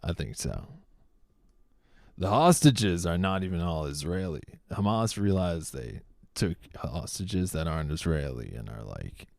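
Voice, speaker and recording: A man's voice: low-pitched, very animated, measured pace, creaky, no room sound, clean studio sound. A young man from Boston with a Boston accent, hosting a comedy show in a profane, heated rant. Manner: profane, heated, shouting bursts. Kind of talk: stand-up style comedic rant.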